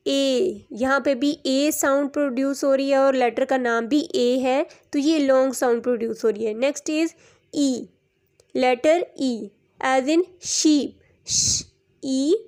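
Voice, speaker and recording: High-voiced, slow woman teacher. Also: a little mellow. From Pakistan. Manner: spells words out sound by sound, switching to Urdu to explain. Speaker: English teacher. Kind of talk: recorded classroom lesson.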